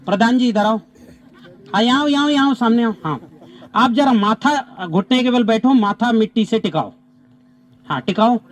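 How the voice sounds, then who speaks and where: A man leading a natural farming training outdoors on farmland, animated and repeating short commands to participants. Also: extremely high pitch, normal speed, pauses often. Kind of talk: live outdoor demonstration with participants. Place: outdoors on farmland under trees.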